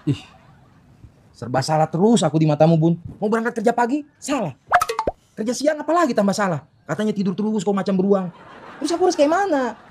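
A woman's voice: mid-range voice, very animated, quick pace, warm tone, slight background noise, lightly acted. A woman playing a young husband with a Medan accent who keeps pleading and protesting against his jealous wife in a comedy sketch. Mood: exasperated. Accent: Medan Indonesian.

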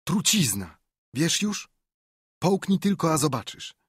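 A jumpy, frightened young boy, as a male narrator puts him on, whispering urgently in a raised voice. His tone stays husky. The studio around him is dry and close. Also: fairly high pitch, very animated, a little slow, no room sound, voice pushed up, exaggerated voice. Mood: urgent warning.

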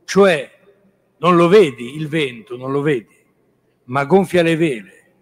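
A priest delivering a reflective homily in an unhurried, deliberate rhythm. His man's voice sits somewhat high, and he circles back to rephrase each idea patiently. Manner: measured and reflective, restating points with 'cioè'. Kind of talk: spiritual reflection on scripture.

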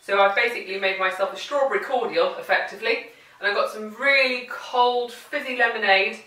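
A woman's voice: mid-range voice, a little fast, bright, forceful tone. A woman presenting a cooking demonstration, chatty and playful, talking to the food as she goes. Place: home kitchen. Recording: roomy kitchen, mic at a distance.

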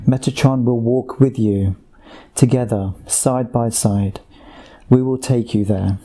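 A man speaking under hypnosis as a channeled voice, slow and repetitive, addressing listeners like a sermon. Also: medium pitch, steady tone, warm tone.

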